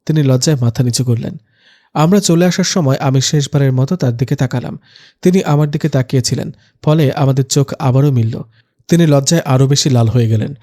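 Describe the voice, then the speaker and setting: Mellow young man narrating a story. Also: medium pitch, a little fast. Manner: gentle, storytelling, light humor. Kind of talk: first-person story narration.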